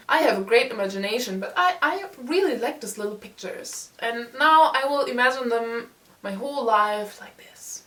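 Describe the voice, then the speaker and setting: Young German-accented woman, high-ish voice, gushing book reviewer, recorded far off in an echoey room. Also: a bit bright. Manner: enthusiastic, with frequent stumbles and repeated words. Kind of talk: casual book review video. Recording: roomy echo, mic set far off.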